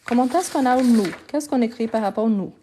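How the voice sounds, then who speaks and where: A woman's voice: a little high, fairly quick, dark tone, a little hiss or hum. A woman teaching French on a live online lesson. She speaks patiently, repeats each word and often praises her learners.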